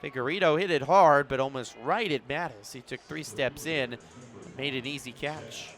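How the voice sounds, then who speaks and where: This man announces a baseball game live on radio with play-by-play commentary, positioned at an outdoor ballpark in the evening, with soft music in the background. His voice is a little high and fairly bright, at a moderate pace.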